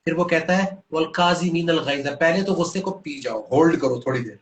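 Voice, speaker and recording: A man's voice: on the high side, expressive, echoey room. A man explaining Quranic teaching in an earnest, patient way, reciting short Arabic verses as he talks. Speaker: guest speaker on religion.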